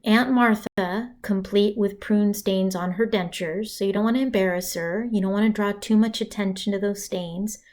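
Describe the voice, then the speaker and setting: A woman with a mid-range, darkish, steady voice instructs on punctuation through a recorded slide lecture. As a writing instructor, she keeps things conversational, dropping casual asides and pausing dramatically for emphasis.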